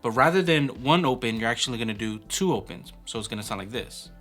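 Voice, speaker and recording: A man casually teaching a hand-drum pattern, explaining it step by step in a relaxed way with fillers. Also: medium pitch, quick pace, music in the background. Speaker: percussion teacher.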